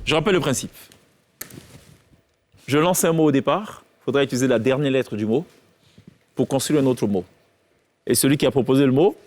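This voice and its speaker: A man hosting a TV quiz show, briskly announcing questions, countdowns and scores with a theatrical flair. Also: mid-range voice, a little mellow. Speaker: game show host. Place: TV studio.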